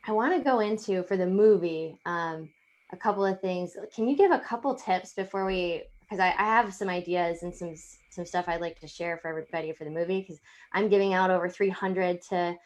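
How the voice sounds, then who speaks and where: A woman hosting an interview, talking in a rambling way with lots of fillers as she sets up her questions. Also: on the low side. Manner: rambling, many fillers like "um" and "you know". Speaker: podcast host. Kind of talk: interview conversation.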